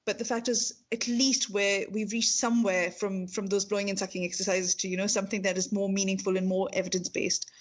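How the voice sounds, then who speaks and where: A woman's voice: medium pitch, flat delivery, fairly quick, few pauses. Pakistani-accented woman, speech therapy lecturer, informal and earnest explainer who repeats words as she goes. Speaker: speech-language pathologist and university lecturer. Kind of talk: informal professional talk about own work.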